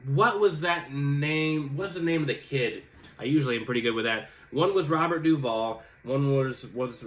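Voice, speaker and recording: A young adult man hosting a casual show, answering viewer comments in a rambling, self-deprecating way with many fillers and restarts. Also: medium pitch. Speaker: host reading viewer comments.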